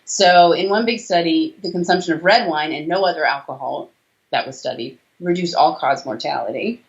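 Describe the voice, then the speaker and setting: A deep-voiced woman in her forties talks at normal speed as a doctor and author guesting on a conversational interview. Calling in by video from a small room, she is emphatic and talkative, listing details. The video-call audio is slightly dull.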